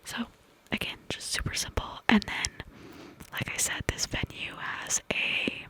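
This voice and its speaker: A woman tells a personal story in ASMR style, in a breathy, intimate cupped-hand whisper with a rambling, hesitant delivery. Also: unhurried, sharp tone, poor audio. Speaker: ASMR video creator.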